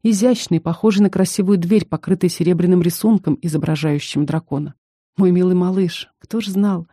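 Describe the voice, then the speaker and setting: A woman narrating a first-person fantasy audiobook in an even, measured way. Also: lowish voice, no echo, studio quality.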